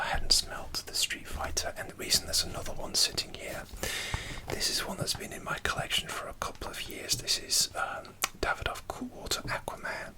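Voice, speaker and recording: A middle-aged ASMR creator speaking entirely in a breathy, unvoiced whisper, softly chatting in an informal way. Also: low-quality recording.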